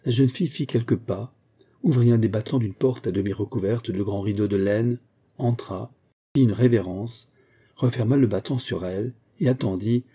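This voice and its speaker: A man reading a classic novel aloud as an audiobook narrator, in a measured, even way. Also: fairly low pitch, slightly rough. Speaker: audiobook reader.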